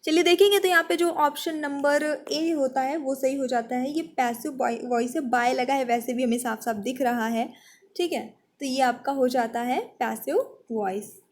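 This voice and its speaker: A woman teaching an online exam-prep class. She quizzes briskly, reads each question out slowly, then explains the answer step by step. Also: sits high.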